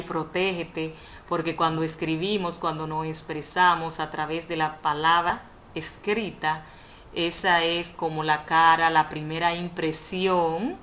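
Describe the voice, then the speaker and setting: Female facilitator, lowish voice, patient didactic webinar delivery, faint hiss behind. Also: fairly bright tone. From Dominican Republic. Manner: didactic, repeats definitions, self-corrects with "perdón". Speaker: university course facilitator. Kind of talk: webinar lecture on Spanish spelling. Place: indoors, online video conference. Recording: faint background noise, webinar audio.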